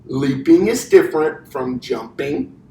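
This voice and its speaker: A man's voice: medium pitch, lively intonation, measured pace, mellow. A young man teaching children exercise like a kids show host, with simple repeated cues and questions while moving about. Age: young adult. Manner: physically active while talking. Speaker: elementary P.E. teacher. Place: indoor classroom. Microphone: distant camera microphone. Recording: roomy, distant mic, faint noise.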